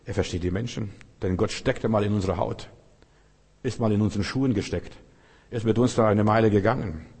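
A man's voice: lowish voice, brisk, a little mellow, slightly rough. A middle-aged man preaching a sermon with fervor, calling on the congregation for responses. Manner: fervent, calls to the congregation for responses. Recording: long hall reverb.

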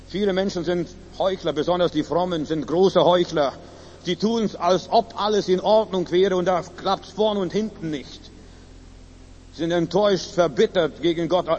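Emphatic high-voiced male preacher. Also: in a large hall, highs cut off. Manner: emphatic, shifts between loud exclamation and low quiet asides. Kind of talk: sermon. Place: church service.

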